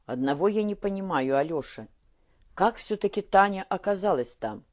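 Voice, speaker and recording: A woman voicing an earnest young male underground fighter in an audiobook, reassuring and gentle. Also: mid-range voice, animated, moderate pace, close to an everyday voice. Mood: puzzled. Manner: warm, reassuring.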